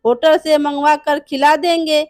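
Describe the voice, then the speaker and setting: A woman's voice: high voice, steady tone, unhurried, darkish tone, no room sound, clean studio sound. A woman voicing a bossy, harsh mother-in-law who scolds impatiently in a storybook tale. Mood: scolding.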